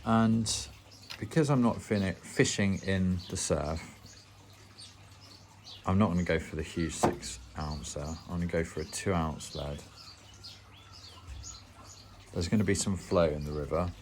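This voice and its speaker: A man's voice: sits low, normal speed, darkish tone, a little hiss or hum. A man hosting an angling channel, talking through a step-by-step rig-tying tutorial in a plain explanatory way with dry, self-mocking humor.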